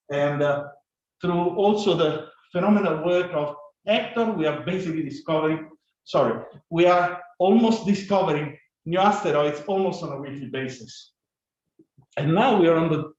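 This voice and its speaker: A man giving a fast, halting scientific conference talk, full of fillers and restarts. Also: on the high side. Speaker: conference speaker. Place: conference room or lecture hall. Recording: echoey, dull conference recording.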